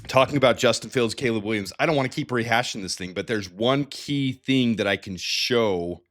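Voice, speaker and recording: This sports analysis host, slightly nasal from a head cold, chats his way through the numbers at a slightly fast clip in a mid-range voice. He's energetic, often restarting sentences and tossing in asides.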